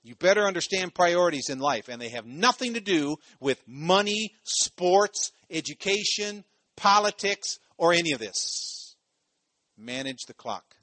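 A man's voice: high-pitched, lively intonation, measured pace, pushed and bright, no echo. A man from Ohio preaching a sermon in a loose, conversational way, full of "you know" asides and phrases repeated for emphasis. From Ohio, USA.

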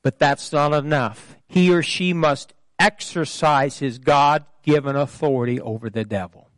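A man pastor preaching a sermon with call-and-response, emphatic, swelling louder and higher on key phrases. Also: measured pace, no echo.

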